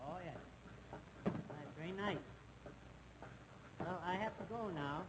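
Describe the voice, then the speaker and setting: Shy young teacher, kinda high voice, stammers a lot, super hissy old tv tape. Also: male voice, slow. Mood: timid. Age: 20s. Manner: hesitant and stammering, full of uhs. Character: meek, timid young male schoolteacher. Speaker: new science teacher. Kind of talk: 1950s live TV sitcom acting. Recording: hissy old television recording.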